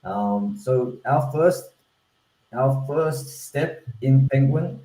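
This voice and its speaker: In this online webinar, a founder presents his language-learning platform over a video call, with roomy echo and a little hiss or hum. His mellow, medium-pitched voice draws words out. He's from Australia, his first language is Korean, and he speaks earnestly with frequent restarts and fillers.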